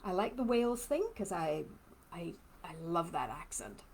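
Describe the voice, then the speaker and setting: A Trinidadian woman with a mixed, hard-to-place accent works as a lymphoedema therapist and hosts a chatty live stream, answering viewer comments in a personal way and laughing often. Her voice sits fairly low and swings widely in pitch, with a husky quality at a moderate pace, and the recording is rough.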